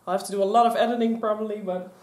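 Racing along in a mid-range voice, a Dutch woman in her twenties chats casually to the camera on its stand, rambling and gesturing animatedly. Shelves and mannequins fill the small indoor craft room, which leaves an echo on the audio.

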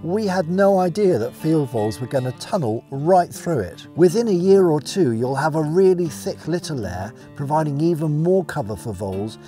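Middle-aged man, warm low tone, keen field guide out in the grass, faint music behind. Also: expressive, normal speed, few pauses. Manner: clear, enthusiastic explaining. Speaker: conservation educator. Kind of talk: instructional nature film.

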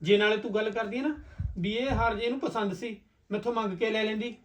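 A man with a Punjabi accent acting a loyal, trusting elder brother who calmly reassures his sister. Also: high voice, fast, slight background noise, natural voice. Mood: protective. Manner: calm, protective, reassuring. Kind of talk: Punjabi short film acting.

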